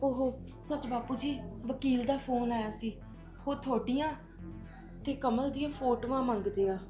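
A woman's voice: high-pitched, a little slow, over music. A woman playing a soothing young daughter-in-law. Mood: consoling. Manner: soothing, consoling.

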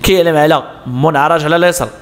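A man's voice: on the high side, rapid-fire. A man with a Moroccan Arabic accent explaining road sign exam answers step by step, asking questions and answering them himself. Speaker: driving instructor.

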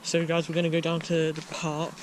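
A teenage boy talks loosely through an abandoned building, peppering his speech with "like" and "guys". His voice sits fairly high but barely moves in pitch. Loud noise from the camera and the site runs under him. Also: completely flat delivery, a little fast. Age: teens. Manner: loose, filler-heavy commentary with many "like" and "guys". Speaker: urban explorer vlogger. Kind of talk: casual walkthrough narration. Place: abandoned building, indoors and outdoors.

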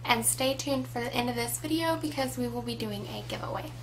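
A woman in her twenties, the co-host, chats casually into a webcam at desk distance in a small room, tossing out teasing jokes and asides. Her voice is on the high side and a little fast, and the rough recording carries some hiss or hum.

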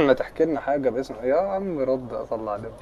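Fast-talking young Egyptian man streaming. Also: mid-range voice, lively intonation, gravelly, muffled recording, a crowd in the background. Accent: Egyptian Arabic. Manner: joking, playful and teasing. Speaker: live streamer. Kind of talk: casual live-stream chat answering viewer comments.

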